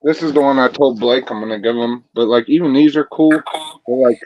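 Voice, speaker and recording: A man in easy, enthusiastic conversation, swearing casually and speaking at a middling pitch. The sound is close and dry, with a slightly dull, lo-fi edge. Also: fairly quick, dry recording. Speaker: whiskey enthusiast. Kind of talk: casual chat.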